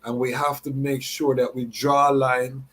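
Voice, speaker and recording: A man's voice: mid-range voice, level tone, normal speed, a bit bright. A man hosting a live show, mixing announcements with Rastafari reasoning in Rastafarian idiom and repeated catchphrases. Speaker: podcast host.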